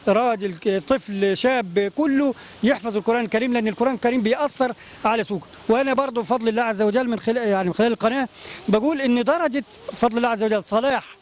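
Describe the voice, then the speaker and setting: Egyptian man guest, fast halting speech, high pitch, lo-fi sound. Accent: Egyptian Arabic. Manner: halting, many restarts, pious phrases. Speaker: community guest. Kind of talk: interview answers.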